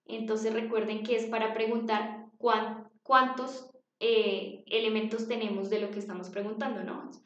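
A woman's voice: on the high side, little pitch movement, moderate pace, fairly bright tone. A woman teaching an English lesson to young children, patient, repeating words for them to copy. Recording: dull, echoey home recording.

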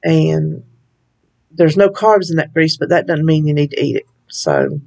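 Woman with a really gravelly fry-heavy voice, chatty home cook walking thru a recipe, laughs a lot. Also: low-pitched, wildly swooping pitch, measured pace, dark tone. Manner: chatty, laughs often, folksy asides. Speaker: cooking channel host. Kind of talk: casual recipe walkthrough.

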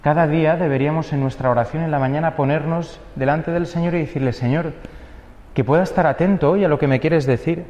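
Earnest priest preaching in an echoey church. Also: male voice, a little high, a little fast, darkish tone, dull audio. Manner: earnest, with spoken fillers and rhetorical questions. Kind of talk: homily.

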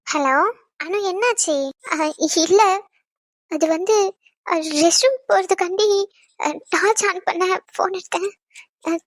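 A frightened young wife in a cartoon stammers and sobs that her husband is missing, as a woman voices her. Her voice is very high. The sound is close and dry. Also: no room sound. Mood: hesitant. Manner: stammering, tearful. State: crying. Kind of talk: cartoon voice acting.

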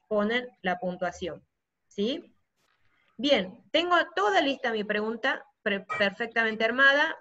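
A middle-aged woman teaching over a video call, her voice sitting a little high. She walks through each step patiently and keeps checking that everyone is following. The sound is dull and lo-fi, like muffled call audio. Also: a bit bright. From Argentina. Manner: explanatory, often checks in with listeners. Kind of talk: live software tutorial over video call.

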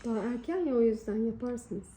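Mom chatting casually, really soft dark tone, kinda high, echoey room. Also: female voice, brisk, slight background noise. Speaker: mother filming her child. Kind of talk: casual chat. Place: indoors at home. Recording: echoey, muffled room sound.

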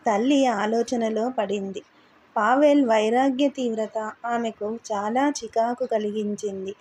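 Brief: woman audiobook narrator, steady storytelling, mellow higher voice. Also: breathy edge. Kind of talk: scripted narration of a translated novel.

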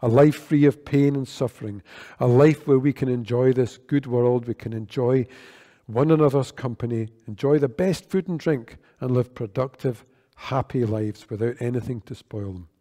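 An older man, a worship leader, preaches a sermon at a church lectern microphone with earnest, measured delivery and gestures. His mid-range voice is mellow and dark, and a long reverb from the sanctuary walls trails after each phrase.

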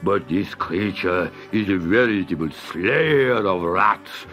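A grand storybook sultan, as a man puts him on, drawling his words slowly with a deep, booming, regal weight. He sounds loud and lordly, with faint music behind. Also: animated, dull audio. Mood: amazed. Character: grand, slow-spoken male sultan, booming.

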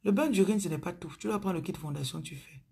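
Very husky Cameroonian woman preaching. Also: lowish voice, fast, warm tone. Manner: chatty, greets viewers by name, drops into murmurs and whispers. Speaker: spiritual coach on a live stream. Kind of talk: live-stream preaching to viewers. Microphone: phone.

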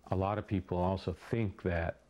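A middle-aged man in a casual interview indoors, speaking in a measured, reflective way. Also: deep voice, steady tone, dark tone. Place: indoor room by a window.

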